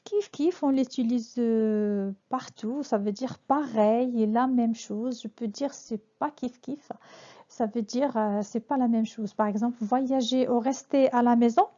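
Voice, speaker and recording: A woman from Morocco teaching a French lesson in a soft, mellow voice that sits a little high. She explains each word with hesitant pauses and fillers. The sound is dull and lo-fi. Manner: hesitant, many fillers and restarts.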